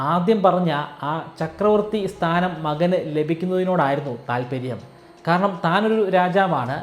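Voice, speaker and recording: A man narrating a history explainer, telling the story in a measured way and voicing the questions of the people in it. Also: on the high side, reverberant. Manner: storytelling, acts out quoted questions. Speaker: educational narrator.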